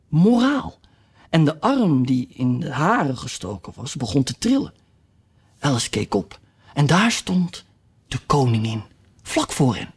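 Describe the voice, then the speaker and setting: Audiobook narrator, husky voice, lively pitch movement. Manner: expressive storytelling. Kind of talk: audiobook reading.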